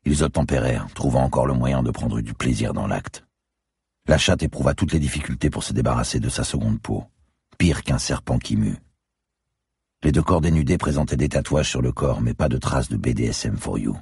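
A man reading a first-person thriller audiobook in a grim, measured way. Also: extremely low pitch, creaky, a little mellow, husky, no room sound, clean studio sound. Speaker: audiobook narrator. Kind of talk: scripted thriller narration.

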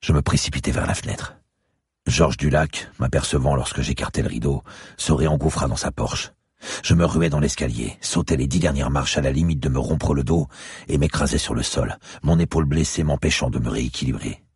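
A man narrating a dark thriller in the first person, his voice extremely deep and full of gravelly fry. The tone is husky and breathy, and the recording is close and completely dry. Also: a little fast, no room sound. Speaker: audiobook narrator.

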